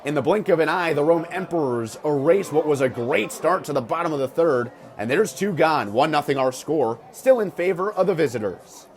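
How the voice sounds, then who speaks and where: An American radio announcer calls a live baseball game in a slightly high voice with lively intonation, keeping a moderate pace with hardly any pauses. He switches between punchy, clipped calls and stat-rich asides, ballpark noise clear behind him.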